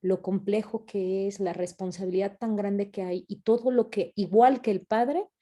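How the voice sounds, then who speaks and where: A woman's voice: medium pitch, warm tone. A woman giving a conversational talk to parents, often checking in with a questioning "no?". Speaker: speaker at online parents' conference. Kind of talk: lecture to parents. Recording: online video call talk.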